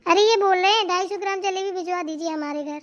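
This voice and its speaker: A woman voicing a bossy, meddling young sister-in-law in a cartoon, giving orders and advice. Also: extremely high pitch. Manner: quick, bossy, advising. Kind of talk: cartoon voice acting.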